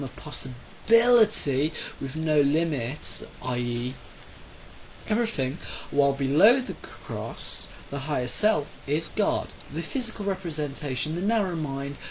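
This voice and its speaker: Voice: medium pitch, fairly bright tone, slight background noise, poor audio. A person delivering a rambling, opinionated monologue in a theatrical, declamatory way, drawing out phrases for emphasis. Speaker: solo speaker of a rant video.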